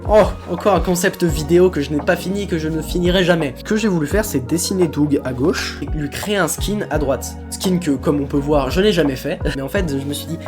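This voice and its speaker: A man's voice: on the high side, brisk, few pauses, over music. A young man casually commenting on his own sketchbook drawings, rambling and poking fun at his own work. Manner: self-mocking, jokey, chatty with many fillers. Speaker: vlogger showing his sketchbook.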